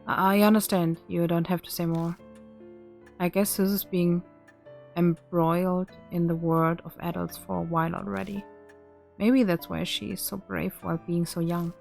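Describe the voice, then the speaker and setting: Slow, subdued woman reading game dialogue. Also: lowish voice, creaky. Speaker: VTuber streamer. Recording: music behind the voice.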